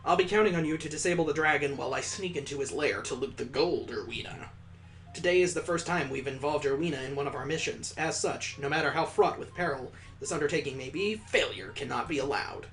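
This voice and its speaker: A gameplay host reads visual novel text aloud in a theatrical, mock-epic style, like a dramatic storybook, with music behind him. His voice is a little high and fairly bright, and his delivery is brisk.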